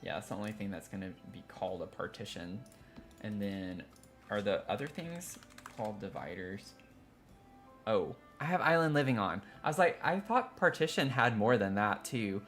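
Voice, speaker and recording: A man's voice: lowish voice, lively intonation, moderate pace, fairly bright tone, faint music behind. A man from Tennessee with a Southern accent, chatting casually on a live stream in a rambling, self-interrupting way. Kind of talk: casual live-stream chat while building in a game.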